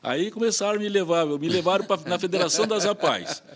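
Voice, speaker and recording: Halting older man in conversation. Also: high-pitched, breathy edge. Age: 60s. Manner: halting, repetitive, anecdotal phrasing. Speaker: guest, president of a charity association. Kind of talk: casual interview conversation. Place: small podcast studio, indoors. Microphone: tabletop microphone on stand.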